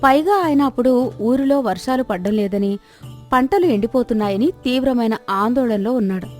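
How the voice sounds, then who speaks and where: A woman narrating a folk tale in a calm, even storytelling manner. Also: a little high, fairly quick, faint music behind.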